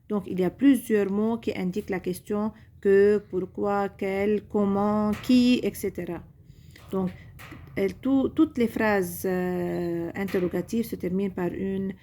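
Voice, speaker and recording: A young woman teacher giving a recorded grammar lesson to pupils, repeating each point in a slow, deliberate way. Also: mid-range voice, dark tone.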